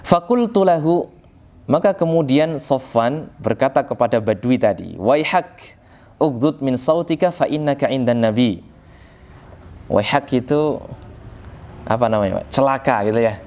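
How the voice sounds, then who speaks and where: A man's voice: mid-range voice, animated, moderate pace, pauses often, a little mellow. A man teaching a classical religious text, reading Arabic and explaining it phrase by phrase in a conversational way. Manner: conversational, addresses listeners as sir, frequent filler particles. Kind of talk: classical text study lesson.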